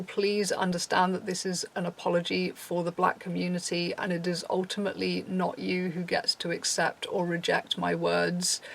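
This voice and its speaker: A man's voice: high voice, creaky, a bit bright. A young man earnestly addressing his viewers in a serious apology video. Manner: earnest, reads from a prepared script. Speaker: channel host.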